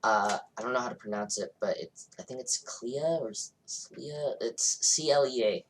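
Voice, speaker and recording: A man's voice: mid-range voice, normal speed. A man co-hosting a podcast, chiming in with short remarks and questions in casual chat. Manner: brief interjections and questions. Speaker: podcast co-host. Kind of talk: casual movie review chat.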